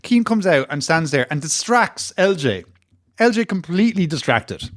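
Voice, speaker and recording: A man's voice: on the high side, very animated, normal speed, no echo, studio quality. A man co-hosting a wrestling podcast, rambling and mock-indignant in casual banter.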